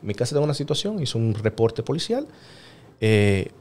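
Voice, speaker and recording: A man's voice: mid-range voice, big pitch swings, darkish tone, slight background noise. A man, a podcast guest earnestly telling a personal story and acting out the voices of the people in it. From New York-based. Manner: earnest, fast, acts out other people's words while telling the story. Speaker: podcast guest, single father. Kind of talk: casual interview storytelling.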